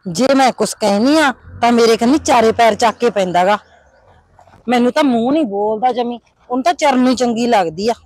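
A woman's voice: a little high, brisk, darkish tone, no echo, natural voice. A woman playing a village headman's worried wife, with a Punjabi accent, complaining about her husband. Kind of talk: village comedy drama.

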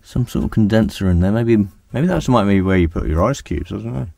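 A man's voice: lowish voice, animated, fairly quick, creaky, dark tone, no room sound, clean studio sound. A man walking through a ruined house outdoors and musing aloud about what he finds. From Australia. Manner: curious, musing aloud, thinking on his feet. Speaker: exploration vlogger. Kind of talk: casual walkthrough narration.

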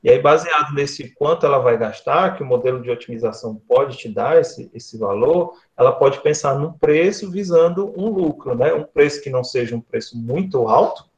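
Speaking at a moderate pace with few pauses, a Northeastern Brazilian man in his thirties uses a medium-pitched, lively voice. He's a guest lecturer giving a casual online talk over video call from a small room, frequently checking for agreement with quick tag questions. The recording has that dull, lo-fi call quality.

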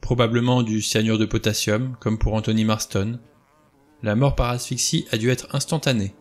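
A man's voice: fairly low pitch, steady tone, normal speed, lightly acted. A man reading a novel aloud, voicing a grim middle-aged doctor who turns unsteady under pressure.

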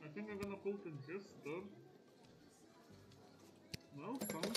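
A man's voice: sits high, measured pace, music in the background, rough recording. A man casually commenting on a game as he plays, laid-back and swearing now and then. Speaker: game streamer. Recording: loud background noise.

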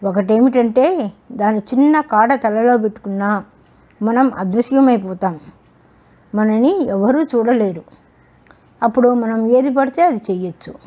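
Lady reading as a calm clever young guy, slow and cool, warm voice. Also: on the high side. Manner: unhurried, coolly confident. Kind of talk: storybook reading.

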